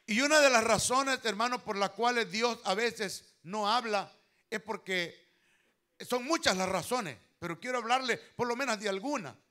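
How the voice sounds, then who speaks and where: Male pastor, fervent preacher, high bright voice. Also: normal speed. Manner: fervent preaching, swelling loud on key phrases, addresses listeners as brother. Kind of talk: sermon.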